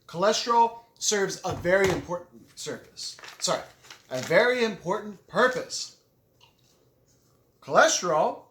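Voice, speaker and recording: A man's forceful, bright voice on the high side carries through a casual eating vlog recorded in an echoey room. Mouth full and chewing between phrases, he rambles eagerly and keeps correcting himself.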